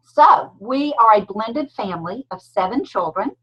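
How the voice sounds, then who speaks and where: A woman's voice: fairly high pitch, animated, unhurried, breathy edge. A woman in her fifties with a thick Southern Georgia accent, telling her story as a guest speaker on a video call. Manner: warm storytelling with a thick drawl. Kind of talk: casual talk on a video call. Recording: dull lo-fi call audio.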